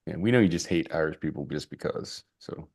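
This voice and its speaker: A man's voice: a bass voice, a little fast, gravelly, a little mellow. A man hosting a casual stream, bantering loosely with guests. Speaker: host. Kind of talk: casual chat.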